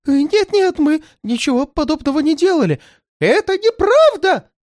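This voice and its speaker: A sly, cowardly crook from a detective storybook, drawling his threats slowly and breaking into high cries, as a reader plays him. His pitch wanders over a very wide range, recorded dry and close. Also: sing-song, dry recording, lightly acted. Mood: panicked. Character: sly male criminal clerk, cowardly then brazen.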